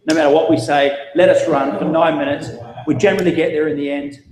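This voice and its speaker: A man's voice: on the high side, fairly even intonation, fast talker, darkish tone. A man hosting a live event with an audience, jokey and rambling with frequent restarts. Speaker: host. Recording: echoey room, faint noise.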